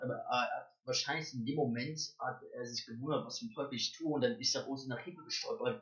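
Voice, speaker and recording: A young adult man vlogging, telling a rambling story that swings between mumbled asides and loud, excited bursts. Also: mid-range voice. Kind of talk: casual storytelling to camera. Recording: dull lo-fi recording.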